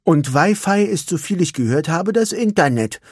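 A man doing a kindly hedgehog who explains things patiently in a raised, bright voice. The sound is husky and close, with a dry sound. A storybook reading. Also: high-pitched, animated, normal speed, no echo, pitched above the performer's own voice. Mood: friendly. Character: friendly helpful male hedgehog.

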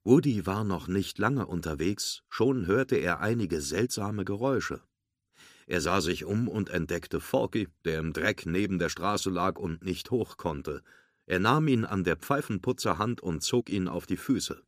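A man narrating a storybook read-aloud in a steady, clear storytelling manner. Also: low-pitched, a little slow, dry recording, clean studio sound.

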